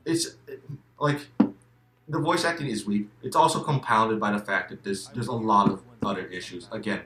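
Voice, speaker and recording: Guy w a bright voice, keeps tripping over his words, swears a lot, echoey room. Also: lowish voice, normal speed. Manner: stammering restarts, emphatic, swears freely. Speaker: guest. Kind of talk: casual game discussion.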